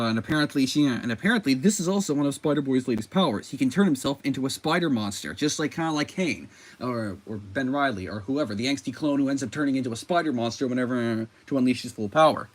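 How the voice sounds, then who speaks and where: A man's voice: medium pitch, animated, fast. A man giving casual commentary as a comic book reviewer, rambling with frequent fillers and self-corrections.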